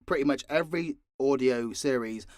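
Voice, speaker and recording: This man speaks at a normal pace in a medium pitch, his tone slightly mellow, recorded without echo in clean studio quality. He's an audio drama creator fielding listener questions off the cuff, swearing freely and playing up his exasperation with blunt theatrical flair.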